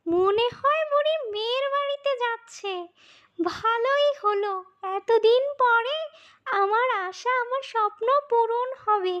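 A woman voicing a wicked, child-hungry female ghost witch in a fairy-tale audio drama, with a menacing, drawn-out delivery. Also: extremely high pitch, fairly bright tone, dull audio. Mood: gloating, scheming.

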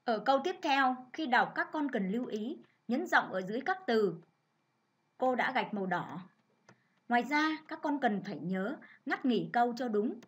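A woman primary school teacher giving a reading lesson to children, reading clearly and measuredly. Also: a little high, very animated, moderate pace.

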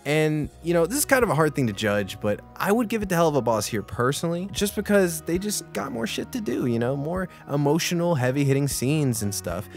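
Excitable young man reviewing animated shows. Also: fairly high pitch, brisk, creaky, hardly any pauses, faint music behind. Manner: excitable, swears casually, laughs often. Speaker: YouTube reviewer. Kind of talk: casual opinion video.

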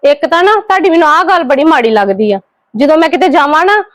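A woman acting a scheming younger sister-in-law in a home drama skit, quick and defensive while sweet on the surface. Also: high-pitched, expressive, no room sound. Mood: pleading. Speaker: actor in a family skit.

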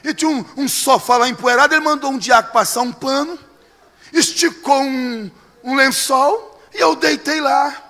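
A Brazilian man preaching a sermon as pastor, telling a story and building to shouted preaching. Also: very high-pitched, normal speed, in a large hall. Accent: Brazilian Portuguese.

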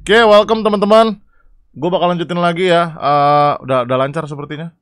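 A young man casually commentating a horror game live, chatty and excitable, reading chat and yelling at scares. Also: fairly high pitch, fairly quick, clear, resonant tone, no echo, clean studio sound. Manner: excitable, chatty, reacts loudly to scares and reads chat aloud. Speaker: gaming streamer.

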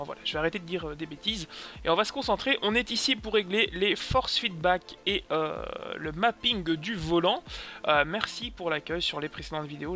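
A man's voice: high-pitched, sharp tone. A man from France giving a casual sim racing tutorial voice-over, hesitant and full of fillers. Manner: hesitant, many fillers, chatty.

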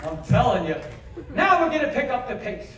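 A man's voice: very high voice, sing-song, brisk, a crowd in the background, noisy background. A man performing live comedy patter as a stage juggler, joking with and coaching audience volunteers in a large theater. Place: large theater on a cruise ship. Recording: echoey theater from far off, audience.

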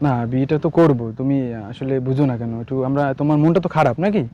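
A man acting as a fast-talking young lover who coaxes his girlfriend, recorded outdoors with faint background noise. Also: mid-range voice, highs cut off, lightly acted. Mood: coaxing. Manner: coaxing, wheedling. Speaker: actor in a short amateur drama. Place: outdoors among trees.

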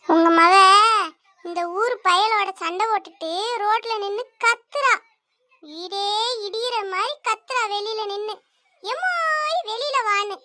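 A woman voicing a loud, nagging cartoon mother. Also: very high-pitched, measured pace, no echo, studio quality, heavily acted. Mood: furious. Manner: shouting, scolding, sarcastic. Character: angry nagging village mother, loud and quick-tempered. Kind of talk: cartoon voice acting.

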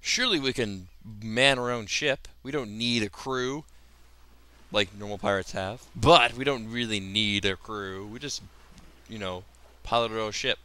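A man's voice: fairly low pitch, a little slow, sharp tone, clean tone. A man giving casual Let's Play commentary with joking, sarcastic asides. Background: game music.

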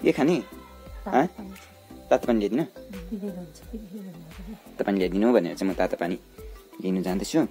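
A young village vlogger films with a phone camera as he walks through his rural hillside home and village, indoors and out, narrating casually and calling out to family members. His medium-pitched, dark-toned voice swings widely in pitch, a little slow with long pauses, over faint background music. He's chatty, mixing asides to family with narration to camera.

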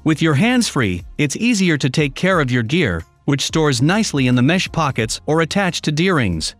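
A man giving scripted voice-over narration for a product review, in an even, read-aloud listing delivery. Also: on the high side, moderate pace, dry recording. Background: faint background music.

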